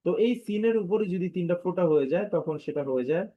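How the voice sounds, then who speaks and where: A man's voice: sits high, expressive, a little hiss or hum. A man teaching an online lesson, patiently repeating syllables and drawing out each letter name to model the sound. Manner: slow, patient drilling of sounds with many repetitions; drawn-out sung syllables when modeling letters. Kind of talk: online live class lesson. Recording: dull lo-fi online class audio.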